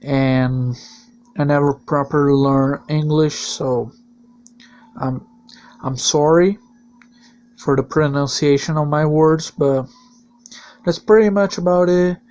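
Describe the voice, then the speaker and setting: Speaking slowly with long pauses, a slightly high-voiced man whose native tongue is Portuguese narrates a season preview voice-over for his league channel. The recap is plain and steady, phrased in non-native English, and the audio is dull.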